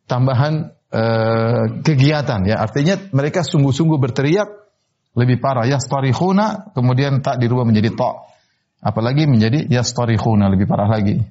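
A man giving a sermon on Quran verses, explaining Arabic word forms slowly with many repetitions and rising sharply in pitch to stress a point. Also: warm tone. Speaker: Islamic preacher. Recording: slightly dull, muffled recording.

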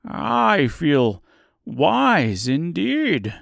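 A man reading an audiobook, voicing an earnest, hopeful male scarecrow in a raised, loud voice. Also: sits high, sing-song, slow, dry recording, clean studio sound, pitched above the performer's own voice, heavily acted. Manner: bright, loud and eager. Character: eager, earnest male scarecrow, straw-stuffed. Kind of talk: audiobook character voice.

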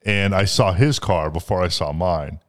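A man's voice: low-pitched, moderate pace. Profane, rambling young man telling a story. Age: 20s. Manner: profane, rambling, animated retelling. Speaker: podcast co-host. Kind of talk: casual storytelling chat.

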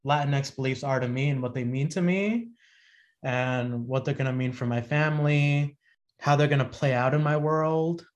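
A man's voice: medium pitch, normal speed, highs cut off. Man, 30s, podcast guest, reflective, rambling, casual chat. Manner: reflective, rambling with many likes and restarts. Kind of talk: casual conversation.

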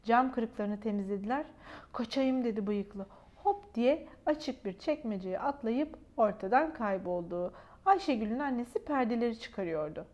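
A woman with a high voice reads a children's storybook aloud. She narrates expressively and changes her pitch and loudness to voice each character. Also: lively intonation, moderate pace.

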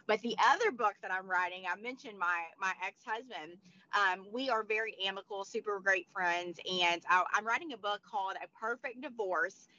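A woman's voice: mid-range voice, sharp tone. A woman in her forties who is losing her voice, chatting as an interview guest with many fillers and restarts. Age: 40s. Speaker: guest, motivational speaker. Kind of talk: casual interview chat. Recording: dull lo-fi sound.

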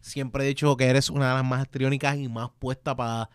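A man with a Puerto Rican accent hosting a casual podcast from a studio, talking loudly and animatedly and swearing freely. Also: medium pitch, level tone, a little fast, smooth, no room sound. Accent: Puerto Rican Spanish. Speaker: podcast host.

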